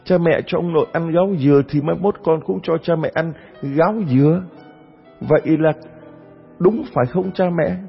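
Man doing a little kid voice, innocent and earnest, kinda husky. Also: on the high side, normal speed, long reverb tail, muffled recording, soft background music, pitched above the performer's own voice. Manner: artless, earnest explaining.

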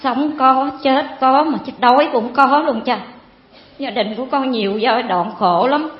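A woman, giving a rambling, earnest personal testimony to a priest. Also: high voice. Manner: rambling, earnest, fills pauses with "cái" and calls the priest "cha". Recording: echoey, dull hall sound.

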